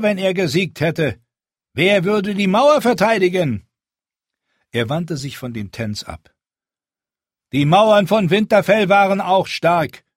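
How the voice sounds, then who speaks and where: In a dry, close audiobook reading, a man plays a stern young commander of a wall who rallies a crowd with forceful resolve. The voice rides high and loud with wide swings in pitch and a slightly husky grain. Each phrase lands with deliberate weight. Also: dry recording. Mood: grave. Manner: forceful, rallying speech. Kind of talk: audiobook character voice.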